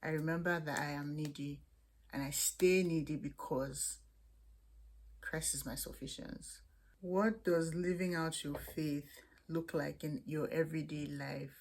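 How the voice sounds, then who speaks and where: A young woman vlogger speaks a little slowly in a low voice with fairly even intonation and a Nigerian accent. Addressing the camera casually, she candidly takes viewer questions on student life and faith, often restarting as she talks.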